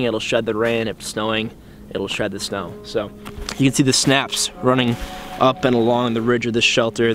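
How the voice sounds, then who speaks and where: A young man in his twenties hosting a casual bushcraft tutorial outdoors in snowy woods, explaining with frequent ums. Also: mid-range voice. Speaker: bushcraft channel host.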